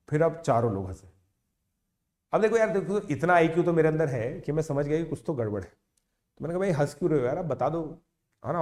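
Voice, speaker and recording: A man in his thirties, an educator, tells a motivational story to online students in a casual, animated way. He mixes English words into his Hindi and checks in with listeners again and again. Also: mid-range voice. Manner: chatty, animated, with frequent "theek hai" check-ins.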